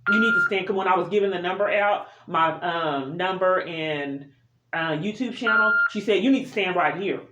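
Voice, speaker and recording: In an echoey room, a woman with a fairly low pitch speaks at a moderate pace, insistently working through a long personal complaint. The vlogger's unscripted monologue of grievances is recorded in muffled audio with heavy noise and clicks.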